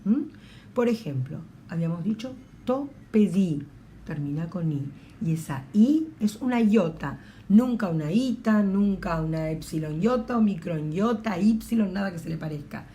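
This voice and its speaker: A woman with an Argentine Spanish accent teaching an online language lesson, slow and patient, repeating words and checking in with her students. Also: fairly low pitch, lively intonation, dark tone, slight background noise.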